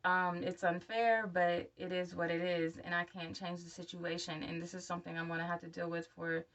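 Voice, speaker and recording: Bright-voiced woman in her thirties with new dentures. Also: lowish voice, flat delivery, moderate pace. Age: 30s. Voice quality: speech of a new denture wearer. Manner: candid, encouraging direct address. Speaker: vlogger. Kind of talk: casual personal video update talk to viewers. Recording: voice somewhat far from the mic.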